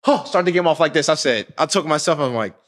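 A young man, a pro basketball player as guest, telling lively stories in slangy casual chat and acting out what people said. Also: fairly high pitch, fast. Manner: slangy, animated, acts out quotes, laughs often.

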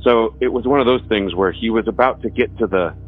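Soft music plays in the background as a Texas musician briskly tells a ghost story about his house in the woods, his low voice rambling loosely with restarts. The recording itself is dry and thin, like a phone call.

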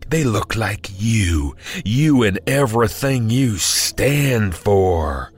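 An actor playing a bleeding, hateful male zealot who delivers a slow, menacing monologue with bitter outbursts. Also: lowish voice, expressive, breathy edge, exaggerated voice.

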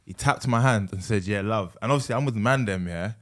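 A young man with a London accent, chatting casually and telling stories in a slangy, animated way, often repeating himself. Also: on the low side, quick pace. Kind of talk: casual chat, storytelling.

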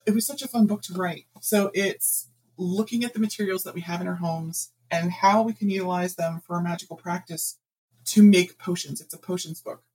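A woman guest author telling anecdotes in a casual interview, animated and laughing often. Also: lowish voice, brisk, breathy edge, poor audio.

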